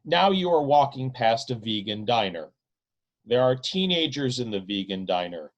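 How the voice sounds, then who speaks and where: A man reads aloud from his own novel in a deliberate, dramatic style, stretching and stressing his phrases. His medium-pitched voice is very animated, and the recording has the high frequencies cut off.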